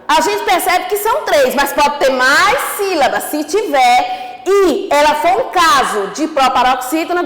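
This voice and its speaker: High-voiced woman teaching in an echoey room. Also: a bit bright. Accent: Brazilian Portuguese. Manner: explaining slowly, addressing pupils directly. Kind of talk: online school lesson.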